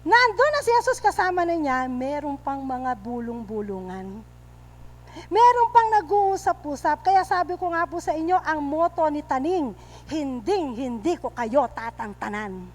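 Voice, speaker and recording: Woman, pastor, Filipino accent, very high pitch, church sermon, emphatic, mixes in English. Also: big pitch swings, normal speed. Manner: emphatic preaching that drops to hushed storytelling, mixing in English.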